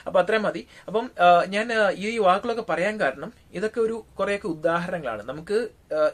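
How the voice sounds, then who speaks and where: A man with a Malayali accent giving a relaxed, casual spoken language lesson, pausing often on drawn-out fillers. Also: fairly high pitch. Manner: unhurried, frequent drawn-out fillers. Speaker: language teacher.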